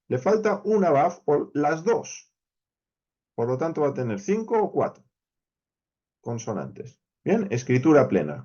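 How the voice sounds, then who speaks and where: Lively Spanish teacher explaining Hebrew. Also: male voice, fairly high pitch, lo-fi sound. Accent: Spain Spanish. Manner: explanatory, counting letters aloud, frequent check-ins like "¿bien?". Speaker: Bible teacher. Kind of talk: verse-by-verse Hebrew Bible lesson.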